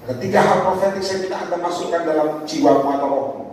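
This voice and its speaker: A male evangelist preaching a sermon, animated, swinging from loud calls to quiet asides and joking with the congregation. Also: quick pace, slight background noise. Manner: animated, shifts from loud exhortation to low asides, jokes with the congregation. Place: large hall with audience. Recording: echoey hall from far off.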